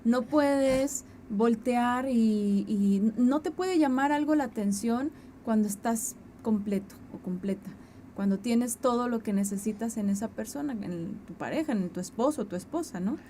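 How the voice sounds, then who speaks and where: Mellow-voiced woman co-teaching earnestly. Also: a little high, slight background noise. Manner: earnest, quotes people in quick asides. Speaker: co-host. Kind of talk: conversational teaching.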